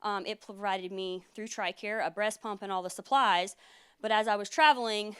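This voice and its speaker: A woman in her thirties gives a conference talk in a smooth, resonant voice that is slightly hoarse. She explains earnestly, with frequent fillers, at a medium pitch. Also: steady tone, normal speed, a bit bright. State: losing her voice. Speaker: military lawyer presenting at a conference. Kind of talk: conference presentation.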